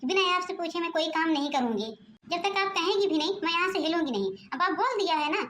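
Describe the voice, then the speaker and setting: A woman's voice: extremely high pitch, lively intonation, fast talker, a bit bright, roomy sound, a little hiss or hum. A woman with an Awadhi-region accent voicing a cheeky, stubborn young daughter-in-law who answers with mock obedience in a home-made cartoon. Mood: mock-sweet. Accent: Awadhi-region Hindi. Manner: sweetly sly, mock-obedient.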